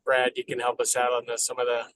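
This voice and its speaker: A man's voice: mid-range voice, monotone, fast, fairly bright tone, a little hiss or hum. A man calling in on a car speakerphone while driving, an apologetic and somewhat distracted professor speaking in short phrases. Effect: car speakerphone on a call while driving. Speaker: professor supervising a case discussion.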